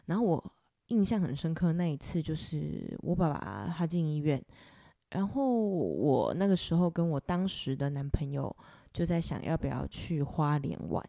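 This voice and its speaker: A young woman, hosting a podcast and telling a personal story in a soft, reflective, unhurried way. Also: low-pitched, very animated, vocal fry, no room sound, studio quality. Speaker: podcast host.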